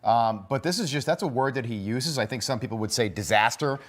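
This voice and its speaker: A man leads a morning TV news discussion at a steady, middle pitch. He talks casually, doubling back on his words and reaching for fillers as he lays out his points. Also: brisk. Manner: conversational, with restarts and fillers. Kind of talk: cable news panel discussion.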